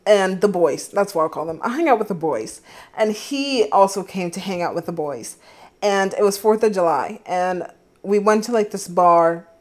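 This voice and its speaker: With an expressive, slightly mellow, medium-pitched voice, a young woman in her twenties from the Philadelphia area hosts a solo podcast at a moderate pace. She giggles and chats through a dating story, leaning on plenty of fillers.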